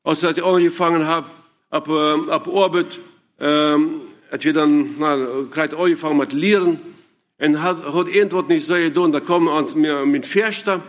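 A man with a slightly raised voice gives an informal talk to parents. He speaks haltingly, often restarting and searching for words. He keeps turning to his listeners with questions. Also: on the high side, steady tone, a bit bright.

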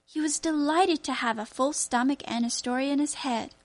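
A woman narrating a children's story aloud in a clear, even reading manner. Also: sits high, normal speed.

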